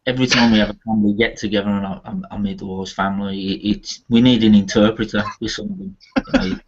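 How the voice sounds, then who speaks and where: A man's voice: on the low side, expressive, fast talker. A man chatting casually with friends, self-deprecating and laughing. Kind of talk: casual group chat. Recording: dull lo-fi sound.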